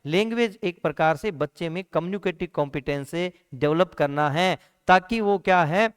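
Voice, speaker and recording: Speaking at a normal pace in a smooth, high-pitched voice, a male teacher delivers an exam-prep lecture. He addresses students as "beta" with teacherly warmth, answering his own questions and going over the key points again.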